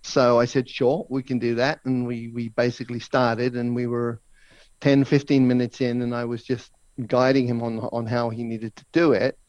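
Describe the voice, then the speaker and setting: A man's voice: mid-range voice, level tone, normal speed, darkish tone, no room sound. Man, interview guest, anecdotal, explanatory, dull lo-fi audio, dry. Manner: anecdotal, explanatory, says "so, so" and "right?". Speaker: interview guest, language educator. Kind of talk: storytelling in conversation. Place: office in Hong Kong.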